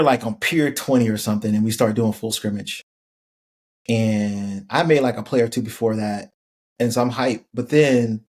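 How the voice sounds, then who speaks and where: A middle-aged man at an ordinary, middle pitch, talking casually as a podcast guest. He rambles through a story with relaxed fillers and laughs along the way. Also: slightly rough. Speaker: podcast guest, former college football player.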